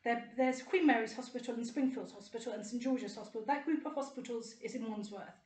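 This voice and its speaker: High-pitched, indignant woman. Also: brisk, darkish tone, reverberant. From United Kingdom. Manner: indignant, rambling, sarcastic. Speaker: vlogger. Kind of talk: personal monologue to camera.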